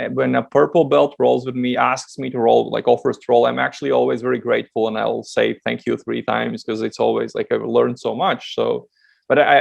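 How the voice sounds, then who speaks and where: In casual podcast chat, this man from Latvia, a dating coach guest, talks chattily with frequent laughter and plenty of restarts. His voice is medium in pitch and gravelly, heard through dull audio.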